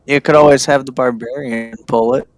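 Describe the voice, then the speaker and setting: A man's voice: mid-range voice, steady tone, a little fast. A man chatting casually as a player in a tabletop game. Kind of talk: casual chat.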